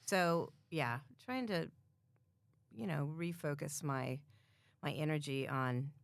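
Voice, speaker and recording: A middle-aged American woman talks casually as a podcast guest, her voice on the low side. She laughs easily and fills pauses with "um" and "like". The recording is close and dry. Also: vocal fry, dry recording. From United States. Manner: chatty, laughs often, many fillers. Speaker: podcast guest, expat group admin. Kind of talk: casual chat.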